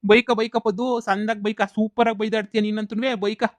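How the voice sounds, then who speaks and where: A man's voice: sits high, fairly quick, dry recording, natural voice. A man voicing a bossy, teasing village husband who mocks his wife. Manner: mocking, flat drawl, rustic dialect. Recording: slightly dull lo-fi sound.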